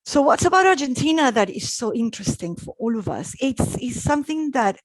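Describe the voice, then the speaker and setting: High-pitched and brisk, with big swings in pitch, a middle-aged Chilean travel expert hosts a live online travel talk. Her delivery is chatty and peppered with ums and restarts. There's no room sound.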